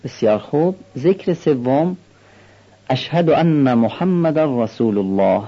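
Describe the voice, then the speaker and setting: A man teaching how to recite a prayer call, explaining calmly and slowing down to demonstrate the pronunciation. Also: medium pitch, husky, dull audio. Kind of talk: instructional explanation with recited examples.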